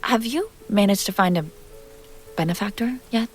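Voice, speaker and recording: Over faint background music, a woman plays a refined, seductive vampire heiress in an intimate roleplay drama, her mid-range voice sounding natural. She is polite and explanatory, speaking softly in careful, genteel phrases with breathy teasing asides that often slip into a whisper.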